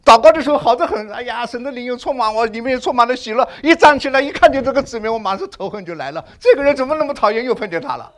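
A man preaching a sermon, asking the congregation questions, swinging between loud exclamations and hushed asides. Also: very high-pitched, very fast, hardly any pauses. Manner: animated, rhetorical questions to the congregation.

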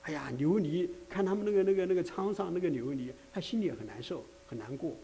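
A man's voice: high-pitched, lively intonation, fast, mellow, a little hiss or hum. A man preaching a conversational sermon, full of rhetorical asides, restarts and filler sounds.

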